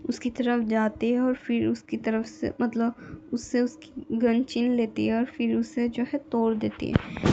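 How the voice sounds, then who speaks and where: Gravelly, rambling woman storyteller. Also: a little high, dark tone, muffled recording. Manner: meandering, lots of filler phrases. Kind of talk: casual story narration.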